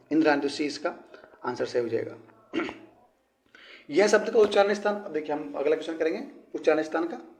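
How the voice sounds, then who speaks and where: A man teaches a Hindi grammar lesson for exam prep, explaining step by step. He poses his own questions and answers them, his voice dropping low and quiet at the close of each answer.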